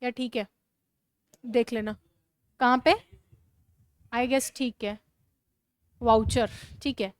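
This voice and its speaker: A woman teacher with a Rajasthani Hindi accent, giving a classroom lecture in a brisk, scolding way and urging students to write fast. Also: a little high, steady tone, no echo.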